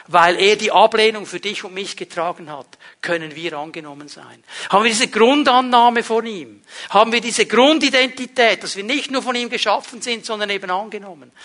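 A man delivering a sermon in a high, bright voice with a sharp edge. He slows down to hammer home key phrases, then drops to near-whispered lows before rising again. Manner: swings from emphatic declaring to hushed, intimate lows. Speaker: preacher.

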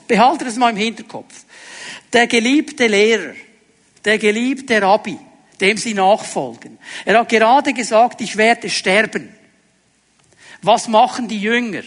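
A man preaching a sermon, asking his listeners direct questions and dropping to a hushed voice for emphasis. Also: high-pitched, long reverb tail. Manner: dramatic, drops to a hushed voice for emphasis.

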